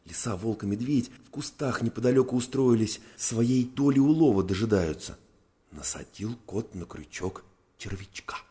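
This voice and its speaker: A man reading a storybook tale aloud with expressive, animated narration. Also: fairly low pitch.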